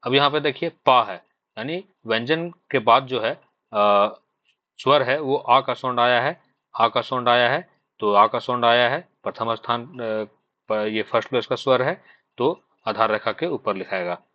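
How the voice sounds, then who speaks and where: A man from Jharkhand teaches shorthand in an exam-prep class, speaking at an everyday pitch. He explains patiently, circling back over each point and checking in with the students. The voice is close and dry, with a slightly dull, muffled tone. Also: measured pace, no echo. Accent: Hindi speaker from Jharkhand. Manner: patient, repetitive explaining with frequent fillers and "thik hai" checks. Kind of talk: online exam-prep lesson.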